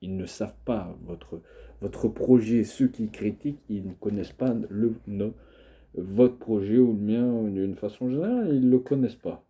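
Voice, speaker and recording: This young man, a video creator suffering from a cold, coughs while chatting casually to the camera. His voice is on the low side and warm, moving at a normal speed, though he hesitates constantly with fillers and false starts.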